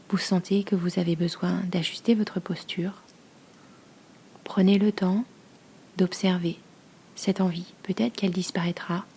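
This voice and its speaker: A woman with a fairly low-pitched, soft, breathy voice leads a yoga nidra guided meditation, speaking slowly in a hushed, soothing way with long pauses.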